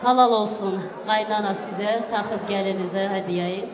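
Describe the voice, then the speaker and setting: A woman's voice: medium pitch, fairly even intonation, a little slow. Festive woman announcer in an echoey hall. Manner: festive, exclamatory, switches between languages. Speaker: host of a wedding celebration. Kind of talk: live event announcing, calling guests up and urging applause. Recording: echoey reverberant hall, crowd noise behind.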